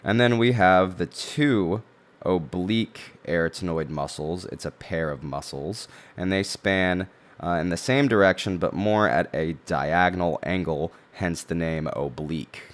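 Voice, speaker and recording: Low-voiced man teaching vocal technique. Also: a little slow. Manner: explanatory, step by step. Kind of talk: tutorial explanation.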